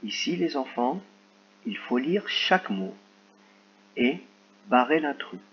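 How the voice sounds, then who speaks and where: A man speaks slowly and deliberately as he guides young children through a phonics lesson. He dictates each word with careful, drawn-out articulation, at a medium pitch. The recording is dull and lo-fi, with a faint hum underneath. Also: big pitch swings. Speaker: teacher.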